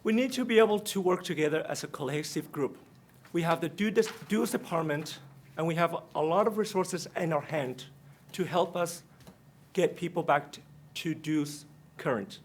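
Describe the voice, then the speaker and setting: In a union treasurer debate, a Taiwanese man with a Taiwanese accent makes a direct, pointed statement in non-native phrasing. His voice is fairly high and his pace moderate, with a little hiss or hum in the audio.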